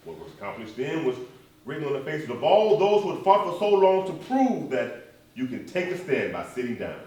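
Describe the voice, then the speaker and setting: An actor playing an earnest, dignified preacher and civil rights leader on stage, speaking in a measured, emphatic cadence with repetition. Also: male voice, a little high, very animated, a little mellow. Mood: proud, admonishing. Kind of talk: live stage play acting. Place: stage in a reverberant room, recorded from afar. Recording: echoey hall, distant microphone.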